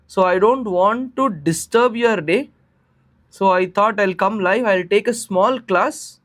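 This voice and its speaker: Male online tutor, Indian accent, notably high voice, conversational explainer who repeats key phrases and asks check questions. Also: slow pace, fairly bright tone. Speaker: teacher of exam preparation class. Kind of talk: live online lesson, informal explaining.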